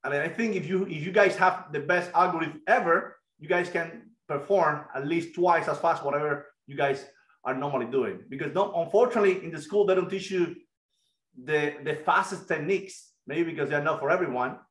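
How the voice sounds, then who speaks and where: A middle-aged man with a Cuban Spanish accent giving an energetic online math lesson and quizzing students over a video call headset. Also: a little high, a little fast, roomy sound, low-quality recording. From Cuba. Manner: energetic, asks students questions. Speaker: guest lecturer.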